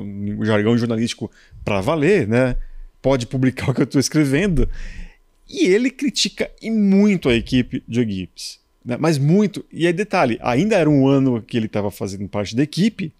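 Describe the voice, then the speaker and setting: A man's voice: mid-range voice, a little mellow, no echo, studio quality. A man from Brazil, a motorsport journalist, telling anecdotes in casual conversation with colloquial asides.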